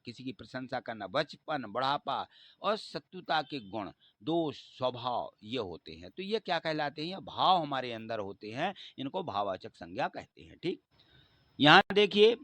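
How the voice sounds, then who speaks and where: A man's voice: medium pitch, a bit bright. A man teaching a school grammar lesson, explaining step by step and asking and answering his own questions.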